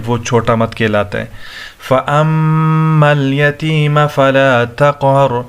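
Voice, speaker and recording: A male tajweed teacher with a smooth, resonant voice that sits in an ordinary middle pitch. He draws out the verses in a slow, ringing chant, then switches to quick, matter-of-fact explanation of pronunciation rules, speaking as an Urdu native. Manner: slow drawn-out melodic recitation alternating with quick explanation. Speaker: Quran recitation teacher. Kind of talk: Quran recitation and tajweed lesson.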